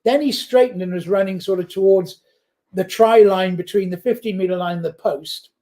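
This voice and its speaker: A man commentating live on a rugby match who gets excited and breaks into shouts at big plays. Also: high-pitched, normal speed.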